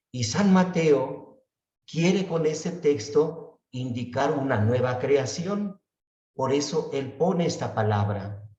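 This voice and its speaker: Male Bible study teacher, slow and patient delivery, stretches repeated words; recorded from a distance in a reverberant room. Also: medium pitch, dark tone. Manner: unhurried, often asks "¿verdad?" and draws out words he repeats. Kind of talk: slow Bible class explanation. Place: church room. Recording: echoey room, voice far from the mic, dull sound.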